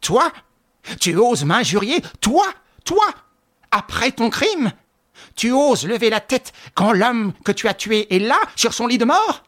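A man's voice: big pitch swings, takes it slowly, exaggerated voice. A man voicing a furious woman who hurls a murder accusation at her friend in an audiobook. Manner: shrill, shouting accusations. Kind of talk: audiobook reading.

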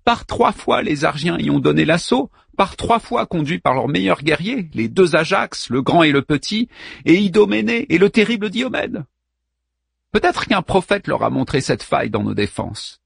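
A man voicing a desperate young princess who pleads with her warrior husband in a high, strained voice. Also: big pitch swings, moderate pace, gravelly, breathy edge, dry recording, clean studio sound, heavily acted. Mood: urgent. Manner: pleading then fierce and bitter.

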